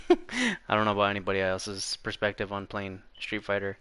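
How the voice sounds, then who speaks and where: A man's voice: on the low side, very animated, moderate pace, bright, forceful tone, clean tone, dry recording. A young man hosting a casual gaming chat, laid-back, often laughing as he reads the chat. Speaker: podcast host reading chat.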